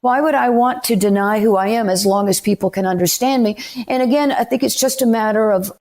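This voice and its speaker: Southern woman, gravelly storyteller. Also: on the high side, brisk. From Anderson, South Carolina. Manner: animated, emphatic storyteller. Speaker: guest author. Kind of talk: storytelling interview.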